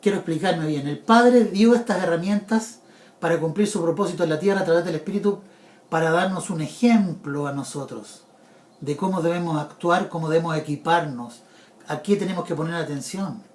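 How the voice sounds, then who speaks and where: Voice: medium pitch, normal speed, darkish tone, echoey room. A preacher giving an earnest sermon, repeating key points and speaking directly to the listener as a brother.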